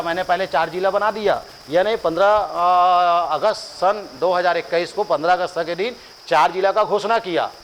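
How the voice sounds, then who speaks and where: A man's voice: high-pitched, a little hiss or hum, rough recording. A male coaching teacher giving an exam-prep lecture, drilling dates by repeating them and quizzing the students in a joking, familiar way.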